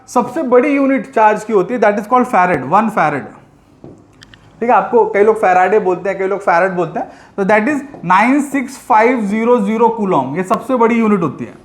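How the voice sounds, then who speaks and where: Male teacher, high voice, patient step-by-step explainer, mixes Hindi and English, playful with students; echoey room. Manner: teasing, addresses students as "my dear children". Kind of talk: classroom physics lesson.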